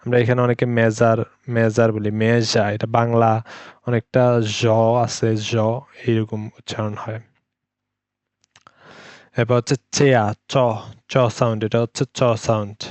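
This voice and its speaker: A man's voice: mid-range voice, little pitch movement, measured pace, darkish tone, dry recording. A man whose first language is Bengali, teaching English pronunciation and patiently repeating each sound several times. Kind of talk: language lesson.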